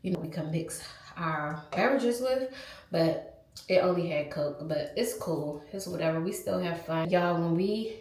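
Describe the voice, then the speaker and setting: In a fairly low, slightly mellow voice at a measured pace, a young woman with a stuffy, nasal sound talks to her phone camera. It's a casual travel vlog from a vacation resort, candid and chatty, with viewers addressed as "y'all" and a roomy sound.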